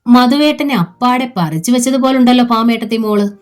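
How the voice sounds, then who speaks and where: Woman reading a blunt indignant young sister-in-law, pointed questions, higher voice, faint music. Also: expressive, brisk, lightly acted.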